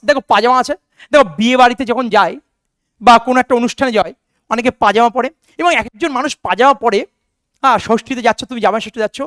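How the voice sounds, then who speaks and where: A man, teaching an exam-prep lesson in a high, quick voice. He fires the same question again and again and answers it himself to drill the point. The sound is dry and close, with no room around it. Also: fairly bright tone, no echo. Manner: drills answers with repeated questions, calls students "বেটা".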